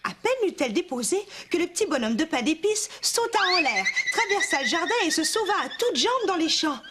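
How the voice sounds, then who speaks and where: A woman with a Quebec French accent reading a children's story aloud as a mother, with animated expression, in a kids' cartoon. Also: extremely high pitch, a little fast, very noisy.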